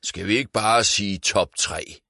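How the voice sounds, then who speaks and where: A man voicing a loud, boastful middle-aged viking uncle who bellows, in a storybook reading. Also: vocal fry, dry recording, studio quality, exaggerated voice. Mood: jovial boasting. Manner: bellowing, booming.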